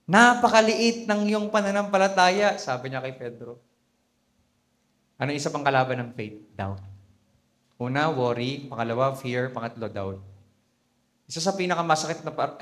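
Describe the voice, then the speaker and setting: A man with a Filipino accent preaching a conversational sermon as a bishop. He tells the story in a lively way and adds laughing asides. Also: mid-range voice. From Philippines. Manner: animated storyteller, mixing Tagalog and English, with laughing asides.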